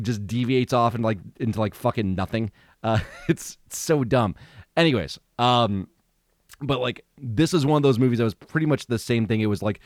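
A man's voice: mid-range voice, dry recording, clean studio sound. A man in his thirties co-hosting a casual podcast, rambling and swearing, with lots of fillers and restarts. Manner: rambling, profane, full of fillers. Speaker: podcast co-host. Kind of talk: casual chat.

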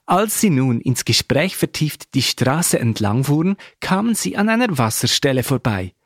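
Male scripture reader, measured delivery, dry close-miked sound. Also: mid-range voice, big pitch swings, no echo. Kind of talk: scripture reading.

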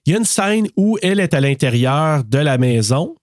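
A man with a Québécois accent co-hosts a podcast, animatedly retelling a film in casual talk packed with fillers. His voice is fairly high and moves at a moderate pace, with clean studio sound and no room sound.

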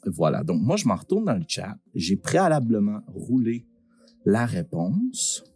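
A Québécois man hosting a live giveaway in a booming prize-announcer manner, informal and joking, with some swearing. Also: very animated, a little slow, a little mellow, husky, dry recording. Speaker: host of a live-streamed prize draw.

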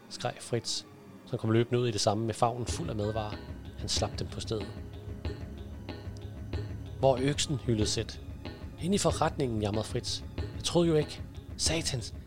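A man presenting a book and reading a horror excerpt aloud in a steady storytelling way, over background music. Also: lowish voice, creaky. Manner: steady storytelling narration, speeding up in action.

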